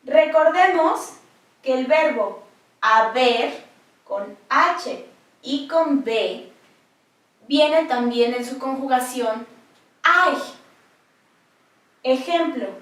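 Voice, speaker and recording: Woman, high voice, slow deliberate spelling lesson, echoey and distant mic. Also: a bit bright. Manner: slow, deliberate dictation-like delivery. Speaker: spelling teacher. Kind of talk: slow scripted lesson narration.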